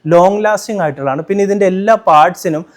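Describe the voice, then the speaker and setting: A man with a Malayali accent presenting a home tour and demonstrating furniture in a sales-pitch manner. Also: fast talker. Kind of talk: product demo and home tour.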